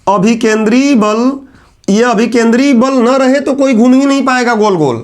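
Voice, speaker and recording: A male teacher giving a classroom lecture at a whiteboard. He chats with his students, teases them in asides, and repeats key terms slowly. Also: very high-pitched. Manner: chatty, teasing asides to students.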